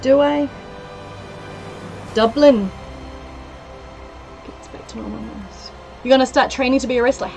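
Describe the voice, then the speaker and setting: A woman in her thirties with a New Zealand accent chats casually into a headset mic in a small room, her voice high-pitched, a little slow, creaky and slightly mellow, with long pauses. As a livestreamer she reads out viewer comments, chatty and giggly, reeling off place names while faint game music plays underneath.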